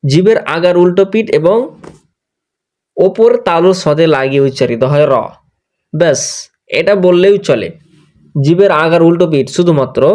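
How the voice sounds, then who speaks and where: A man teaching Quran pronunciation, patiently explaining where the tongue goes and repeating each letter sound slowly in drills. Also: fairly high pitch, a little mellow. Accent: Bangladeshi Bengali. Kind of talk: online tajweed class recap.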